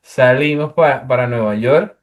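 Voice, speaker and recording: A man's voice: mid-range voice, a little slow. Young man telling a story. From Venezuela. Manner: animated anecdote-telling with many fillers. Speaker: guest. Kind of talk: casual storytelling.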